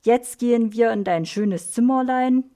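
A woman voicing a calm, fair female carer who speaks gently and soothingly in a storybook. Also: on the high side, measured pace, pitched above the performer's own voice, natural voice. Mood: gentle.

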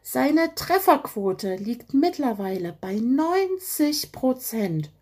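A woman voicing a cheerful, excitable male elf in a children's audio story. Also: high voice, slow, voice pushed up, exaggerated voice. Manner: excited, laughing.

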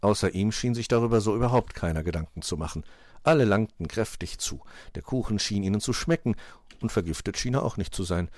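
A man narrating a children's fairy-tale audiobook in an expressive storytelling manner. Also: fairly low pitch, brisk, no room sound, studio quality.

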